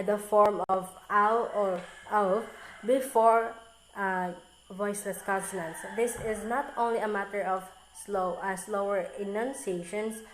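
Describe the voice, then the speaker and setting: A woman reads her class presentation at an unhurried, deliberate pace, her voice ringing in a roomy, echoey space. She works through the material haltingly, stopping to restart on tricky words. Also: mid-range voice, a little hiss or hum. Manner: halting, careful reading with frequent restarts on hard words. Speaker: student presenter. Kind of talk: reading a recorded class presentation.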